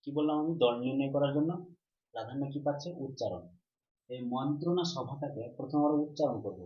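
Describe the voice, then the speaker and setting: A man's voice: medium pitch, fast talker. A man teaching an online grammar lesson, asking questions and answering them himself, drawing out syllables. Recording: roomy, slightly dull recording.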